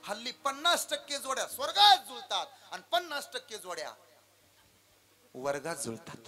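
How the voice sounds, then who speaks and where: A man preaching a devotional kirtan sermon before a live audience. He tells stories dramatically, dropping to hushed asides and then rising into loud declamation. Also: extremely high pitch, huge pitch swings, normal speed.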